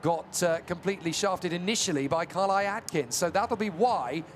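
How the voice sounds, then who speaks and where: A man working as a motorsport commentator, calling a live kart race in animated play-by-play. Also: sits high, moderate pace. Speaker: motorsport commentator, lead caller. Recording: loud engine and track noise behind.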